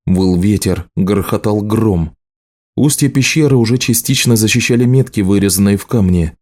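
A male narrator reading an audiobook in a measured, even manner. His voice is low and mellow, with a dark, warm tone.

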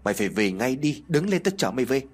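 A man voicing an anxious young male friend who speaks in a hurried, shaky voice. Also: mid-range voice, big pitch swings. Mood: urgent.

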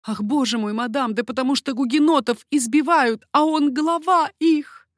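A woman's voice: high-pitched, normal speed, dry recording, studio quality, voice pushed up, close to an everyday voice. A woman voicing an anxious young baroness in an audiobook, pleading urgently.

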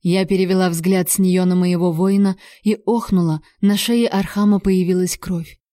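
Dark-voiced woman narrating a novel. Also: fairly low pitch, steady tone, moderate pace, no room sound, studio quality. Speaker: audiobook narrator. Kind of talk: first-person novel narration.

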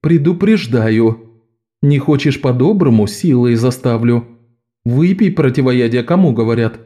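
A man's voice: mid-range voice, expressive, measured pace, dark tone, natural voice. A man voicing Jean, a blunt, protective adult male thief, firm and commanding. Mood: stern.

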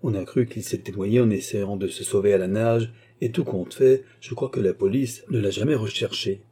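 A man's voice: fairly low pitch, steady tone, normal speed, slightly rough. A man voicing a cold, scheming villainous baronet who speaks curtly and imperiously in a storybook reading. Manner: curt, sharp, imperious.

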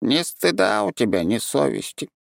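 A man's voice: fairly low pitch, big pitch swings, normal speed, gravelly, no room sound, studio quality, pitched above the performer's own voice, exaggerated voice. A man voicing a small, haughty male demon creature that poses as a cat, shrieking insults in a storybook reading. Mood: sulky, haughty.

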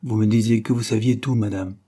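A man's voice: fairly low pitch, steady tone, mellow, natural voice. A man reading a cautious surgeon who weighs his words about a patient. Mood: guarded. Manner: measured, careful. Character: cautious middle-aged male surgeon.

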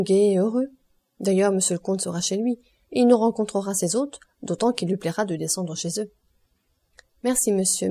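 In a scripted audiobook narration of a classic novel, a woman reads with an even, measured delivery. Her mellow, warm voice rests at a middle pitch, and she gives each character only a slight shift in tone.

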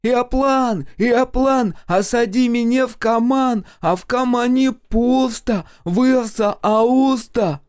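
A man voicing a simple-minded young village man who chants nonsense in a high shriek. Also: slow, few pauses, darkish tone, clean tone. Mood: wild glee.

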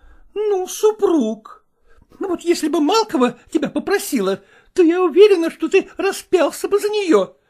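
A man reading a story aloud, voicing a jealous, demanding actress wife who scolds and shouts at her husband. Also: extremely high pitch, sing-song, moderate pace, voice pushed up. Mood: angry. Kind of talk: audiobook character voice.

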